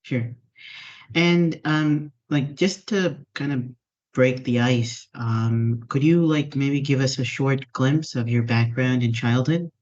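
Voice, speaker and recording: A man's voice: medium pitch, takes it slowly, a little mellow. A man hosting a podcast, introducing his guest with many ums and uhs. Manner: hesitant, many fillers. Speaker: podcast host. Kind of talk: interview introduction. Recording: dull lo-fi sound.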